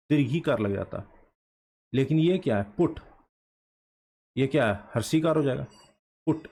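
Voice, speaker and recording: A man teaching a shorthand lesson in a classroom style, asking questions and answering them himself, repeating words slowly for emphasis. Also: on the high side, a little mellow.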